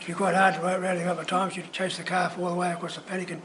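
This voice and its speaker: A man's voice: high-pitched, level tone, quick pace, background noise. An older man recalling farm chores, restarting and repeating words. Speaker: oral history interviewee.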